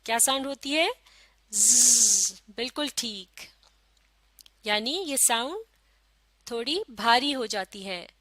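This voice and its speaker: A woman teaching a phonics lesson, sounding out letters slowly and asking questions for children to answer. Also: a little high, animated, pushed and bright, no room sound. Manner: slow, drawn-out sounding of letters with call-and-response questions.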